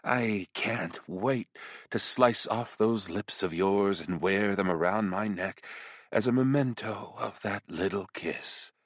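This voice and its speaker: A man voicing a sadistic, seductive female succubus demon in an audiobook, drawing his words out slowly in a soft, purring way. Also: fairly low pitch, no echo, studio quality. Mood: menacing flirtatious. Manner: slow, drawn-out purring delivery. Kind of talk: audiobook character voice.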